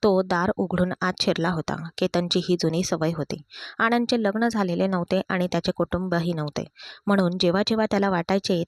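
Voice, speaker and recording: A woman's voice: fairly low pitch, dry recording. Woman narrating a story, dry and close.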